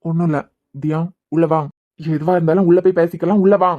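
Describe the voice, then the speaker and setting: A voice actor playing a young husband in a cartoon serial, with a Kanyakumari Tamil accent, pleading and trying to calm his wife. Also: mid-range voice, fairly quick, narrow, tinny audio, natural voice. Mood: soothing, insistent. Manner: pleading, soothing, insistent.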